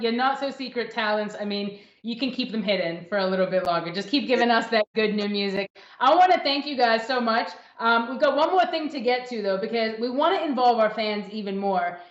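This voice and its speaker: A woman hosting a virtual music festival livestream, chatty and playful, over a video call. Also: fairly high pitch. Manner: chatty, playful, fast asides. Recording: roomy, dull lo-fi sound.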